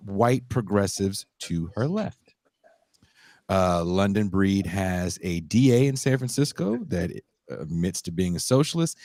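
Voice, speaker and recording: Male host with a very low voice and a dry, close sound; deliberate, paused political commentary. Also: darkish tone, no echo. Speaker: podcast host.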